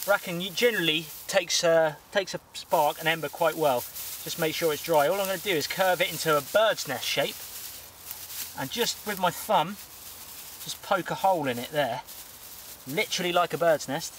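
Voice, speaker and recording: A man's voice: fairly high pitch, slight background noise. Young man explaining fire lighting outdoors. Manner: explains steps calmly while working with his hands, pauses to blow on embers. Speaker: bushcraft host. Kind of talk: instructional outdoor vlog. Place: outdoor woodland camp shelter.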